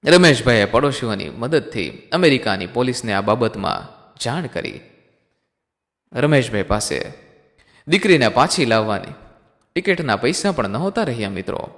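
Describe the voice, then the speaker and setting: A man's voice: medium pitch, very animated, normal speed, pauses often, a bit bright, big-room sound. A man narrating an emotional story in a dramatic manner, often addressing the listeners as friends.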